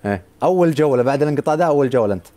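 A man's voice: mid-range voice, lively intonation, rapid-fire, warm tone. A man, a live streamer taunting his rival and urging his viewers on in a boisterous stream battle.

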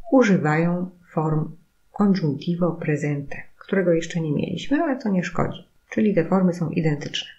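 A woman teaching an Italian grammar lesson, explaining slowly and stressing each example word. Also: low-pitched, a little mellow, dull audio. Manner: slow, careful explaining with emphatic model words. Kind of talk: recorded language lesson.

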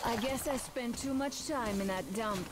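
Woman acting an earnest, brisk young soldier woman. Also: on the high side, very noisy, lightly acted. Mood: businesslike. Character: capable young female soldier, affectionate, then briskly businesslike. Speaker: squad member giving a mission briefing. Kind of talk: video game voice acting.

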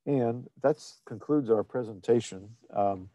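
A man presenting an online technical seminar over shared slides, explaining in a halting way with many fillers and restarts. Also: mid-range voice, no echo, lo-fi sound. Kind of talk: screen-shared webinar presentation.

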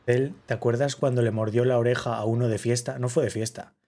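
A man reacting to a livestream clip in casual commentary, excitable and repetitive, often bursting into mock-awed shouts. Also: medium pitch, fairly quick. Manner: excitable, shouts in mock awe, repeats himself.

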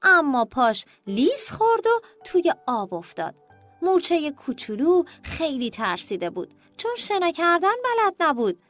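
Animated, high-voiced woman telling children's stories. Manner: animated, addresses children directly. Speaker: storyteller. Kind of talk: scripted children's story narration. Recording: soft music bed.

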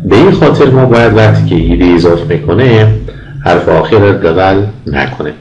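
A man with an Afghan Dari accent teaching English grammar as a lecturer, patiently repeating example words slowly for pronunciation. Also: low-pitched, animated, a little mellow, roomy sound, lo-fi sound, slight background noise. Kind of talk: recorded lecture.

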